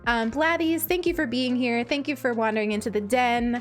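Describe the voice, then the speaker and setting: Female game streamer, sweet cartoon-princess tone, fairly high pitch, affectionate and gushing, music behind her. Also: a little fast. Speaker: game livestreamer. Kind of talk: casual livestream chat, thanking viewers.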